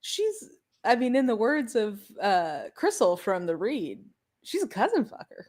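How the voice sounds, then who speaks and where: A woman's voice: a little high, wildly swooping pitch, a little slow, darkish tone. A woman co-hosting a podcast in casual chat, blunt and irreverent, laughing often. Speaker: podcast co-host.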